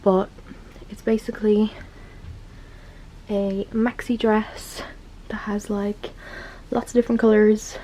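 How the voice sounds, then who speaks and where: A woman's voice: mid-range voice, little pitch movement, slow pace. A woman talking casually to the camera as she vlogs her travels. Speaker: vlogger. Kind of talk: casual travel vlog chat. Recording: echoey, loud ambient and vehicle noise.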